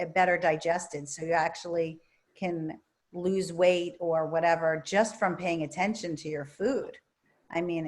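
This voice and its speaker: Answering questions at a virtual book talk, a woman who is a therapist and author speaks calmly and soothingly while adding lively emphasis. Her voice sits lowish.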